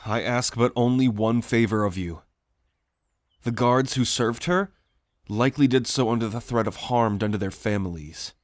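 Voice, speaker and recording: A man playing a loyal, solemn prince in an audio roleplay, speaking in a formal, measured, courtly way. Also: medium pitch, no echo, natural voice.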